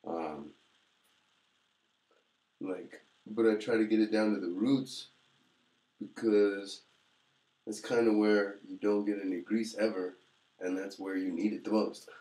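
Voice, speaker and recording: A man chatting casually to camera as a vlogger, in a halting, rambling, laid-back way, in a very echoey room. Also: lowish voice, fairly even intonation, warm tone. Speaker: vlogger reviewing hair pomade.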